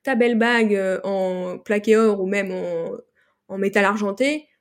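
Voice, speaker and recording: A woman's voice: mid-range voice, a little slow. A young woman from France, a podcast guest, recounting a trip in a loose, rambling way with many fillers and restarts. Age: young adult. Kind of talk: casual interview chat.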